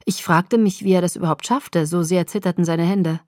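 A woman reading an audiobook in steady first-person narration. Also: lowish voice, fairly quick, no echo, studio quality.

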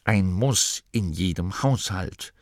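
A man's voice: sits low, no room sound, clean studio sound. Man putting on a pompous little nome voice. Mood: haughty. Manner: lofty, slow, declaiming like an advert. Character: pompous small male nome reciting shop signs.

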